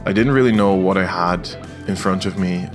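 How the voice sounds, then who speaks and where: His voice sits low and moves at a normal speed: a young video game creator from the Netherlands, Dutch-accented, casually narrating his gameplay video. He sounds hesitant, with plenty of filler sounds, over faint guitar music.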